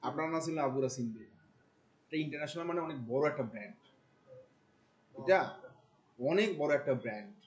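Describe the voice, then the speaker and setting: A man, teaching a class. He talks in a colloquial, animated way, firing questions at the students. He drops English terms into his explanations. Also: a little high, muffled recording. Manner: questions the class often, mixing in English words. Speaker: marketing instructor. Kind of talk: classroom lecture.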